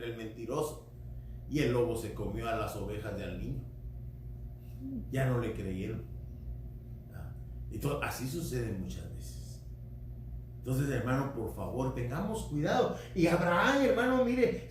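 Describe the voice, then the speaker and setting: High-voiced man preaching in echoey hall. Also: a little hiss or hum. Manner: addresses listeners as brother, animated. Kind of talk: sermon. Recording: very echoey hall, voice from far off, faint background.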